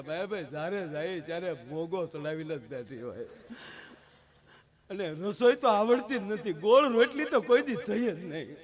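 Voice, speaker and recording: A man with a Kathiawadi Gujarati accent telling a comic folk story to a live audience, animated and punchy, with repeated direct address. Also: sits high.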